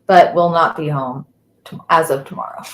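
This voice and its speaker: Her voice sits low and steady, a bit bright, at a moderate pace. She co-hosts a live podcast and chats casually on the stream, rambling as she gropes for words, with the sound carrying a roomy echo.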